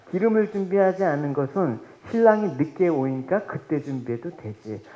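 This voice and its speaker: A male pastor preaching a sermon, animated, firing rhetorical questions at the congregation and swinging between loud and hushed. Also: sits high, highs cut off.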